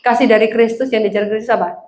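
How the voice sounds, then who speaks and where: A woman's voice: on the high side, steady tone, fast talker, darkish tone. A woman pastor preaching a sermon in a church, telling funny stories and acting out the voices of people she quotes.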